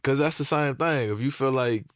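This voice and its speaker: Smooth-voiced, thoughtful man asking questions. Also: medium pitch, moderate pace, a bit bright, dry recording, studio quality. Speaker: podcast co-host. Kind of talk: casual podcast chat.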